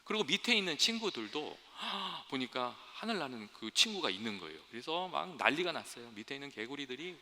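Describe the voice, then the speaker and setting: A man's voice: mid-range voice, big pitch swings, fast talker, hardly any pauses, bright, forceful tone. A male pastor giving a sermon in a church, talking earnestly to the congregation and telling a fable along the way. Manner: earnest, storytelling, addresses congregation directly. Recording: long hall reverb.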